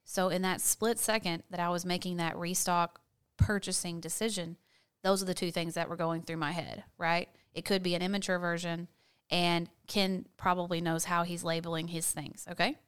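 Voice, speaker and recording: A woman's voice: lowish voice, level tone, normal speed, smooth. A woman chatting casually to viewers like a video blogger telling a story, gossipy and candid, stressing points by repeating words.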